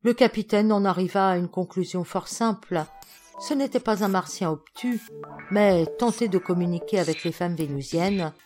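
A woman narrating a comic science fiction audiobook in a lively, expressive reading. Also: lowish voice, normal speed, faint music behind. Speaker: audiobook reader.

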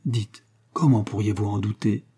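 A man's voice: on the low side, steady tone, normal speed, warm tone, husky. A man playing a fervent young preacher. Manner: unctuous and fervent. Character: smooth-talking young male preacher in prison. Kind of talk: audiobook character reading.

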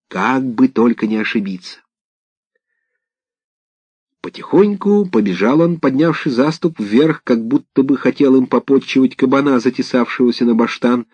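A man narrating a folk tale in an expressive, dramatic reading. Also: mid-range voice, moderate pace, slightly rough, no room sound. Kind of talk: scripted storytelling narration. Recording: dull lo-fi dry recording.

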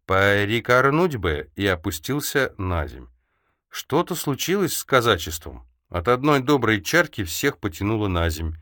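Narrator: man, low voice, dry close recording, measured audiobook reading. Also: big pitch swings, a bit bright, no echo.

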